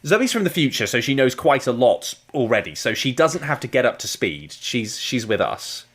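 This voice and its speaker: A chatty man co-hosting a casual podcast. His pitch swings widely as he talks and he laughs easily. He has a mid-range voice. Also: big pitch swings, moderate pace, fairly bright tone, husky. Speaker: podcast co-host. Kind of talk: casual review chat.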